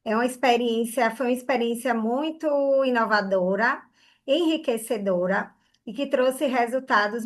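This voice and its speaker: Teaching hair care online, this woman from Bahia, Brazil, speaks earnestly and keeps checking in with "né?" and "tá?". Her pitch is fairly high and her tone fairly bright.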